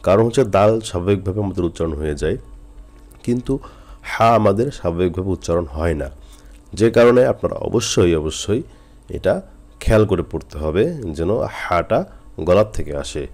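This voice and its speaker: A man from Jessore with a Jessore Bengali accent, teaching Quran reading and drilling the letters slowly and patiently. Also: low-pitched, a little mellow, soft background music. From Jessore, Bangladesh. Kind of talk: recitation lesson.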